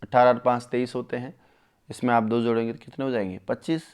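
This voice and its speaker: Man teaching a lively Sanskrit lesson. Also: mid-range voice, smooth. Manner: enthusiastic, addresses viewers as friends, slows to spell out sutras. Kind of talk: live exam-prep lesson.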